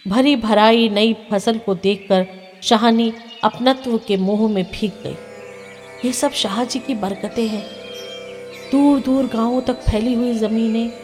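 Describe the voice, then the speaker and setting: Woman storyteller, unhurried, expressive pauses, somewhat high voice. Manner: measured, expressive, dramatic pauses. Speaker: narrator. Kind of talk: storytelling, reading a short story aloud. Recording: reverberant with soft background music.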